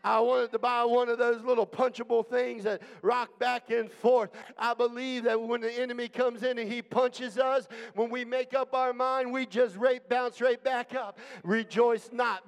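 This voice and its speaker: Male pastor, very high clear voice, impassioned sermon delivery, emphatic repetition, declamatory. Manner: emphatic, declamatory, with repeated phrases building in intensity. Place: church hall during a service. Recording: long reverberant hall sound.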